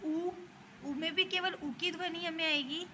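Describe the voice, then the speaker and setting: With a very high, steady voice that sounds bright and forceful, a woman teacher with an Indian accent takes a measured pace through a grammar lesson for young kids. Slight background noise is present. She patiently explains things again and again, pausing often to check in.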